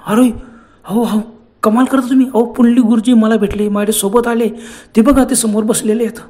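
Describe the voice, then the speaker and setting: Frightened young woman, high and urgent, put on by a male storyteller; mellow tone, storybook telling. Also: little pitch movement, brisk. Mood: alarmed.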